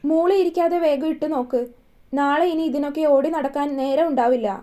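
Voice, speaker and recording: A woman playing a stern middle-aged mother in a spoken storybook, quick and nagging, her voice high and soft-toned. She gives short orders without pause. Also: close to an everyday voice. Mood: brisk nagging. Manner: brisk, nagging.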